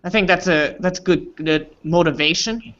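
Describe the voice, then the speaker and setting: A man with a bright, forceful voice runs an online English class, throwing questions at his students in a chatty way. The call audio is dull and lo-fi. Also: high-pitched, moderate pace. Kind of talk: casual class discussion. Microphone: video call.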